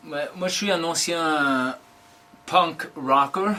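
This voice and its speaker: A man in his forties, a professional drummer, giving unhurried, thoughtful interview answers in short broken phrases. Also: fairly high pitch, bright, forceful tone, a little hiss or hum. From Germany.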